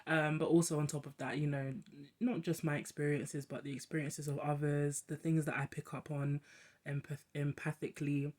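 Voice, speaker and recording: A young adult host speaking in a casual reflective monologue, talking quickly with many fillers and restarts. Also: medium pitch, little pitch movement, darkish tone.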